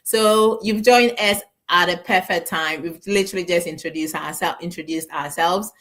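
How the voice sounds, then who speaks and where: A woman from Ghana hosts a casual live stream over a video call. Her voice sits low, and she rambles warmly, with feeling. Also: moderate pace. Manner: warm, emotional, rambling with laughs.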